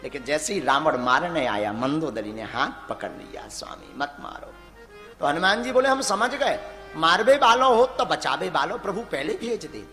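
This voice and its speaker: A man preaches, his high, bright voice leaping up and down as he dramatizes a devotional tale and breaks into chanted verse. It rings through a large echoing hall, with soft music playing underneath. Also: very animated, moderate pace. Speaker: religious storyteller. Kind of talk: devotional sermon storytelling. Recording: echoey hall with music behind.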